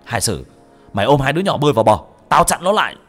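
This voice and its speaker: A man voicing a brave young village man in an audio story, shouting fast and determined. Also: mid-range voice, big pitch swings, soft background music, voice pushed up. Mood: fierce.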